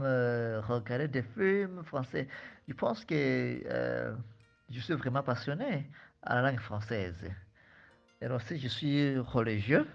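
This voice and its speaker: A man from Malawi, a French teacher appearing as a guest, answers an interviewer slowly and hesitantly, with many fillers, restarts, and pauses. His mid-range voice has a gravelly edge. The recording is dull and lo-fi, with faint music in the background.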